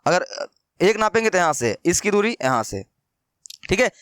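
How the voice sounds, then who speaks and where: A man's voice: high-pitched, very animated, moderate pace, fairly bright tone, clean tone, no echo, studio quality. A man teaching maths in a casual, chatty way, repeating questions to his students and calling them brother. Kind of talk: casual Hindi maths lesson.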